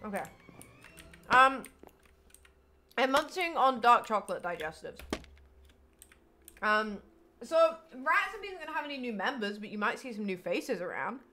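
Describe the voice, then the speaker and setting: A woman's voice: fairly high pitch, big pitch swings, moderate pace, pauses often, bright, forceful tone. A woman streaming a block-building game, chatting casually and thinking aloud, now and then bursting into delighted squeals. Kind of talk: casual live-stream chat while building.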